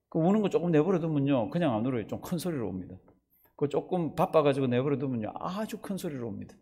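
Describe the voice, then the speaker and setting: Male pastor, sermon delivery, expressive pitch, fairly high, engages the congregation. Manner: animated, asks the congregation questions and acts out voices. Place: church service.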